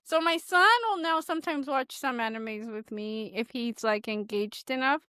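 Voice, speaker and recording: High-voiced chatty woman, dry mic. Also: normal speed, bright, forceful tone, smooth, no room sound. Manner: laughs often, chatty storytelling. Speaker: podcast co-host. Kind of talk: casual chat.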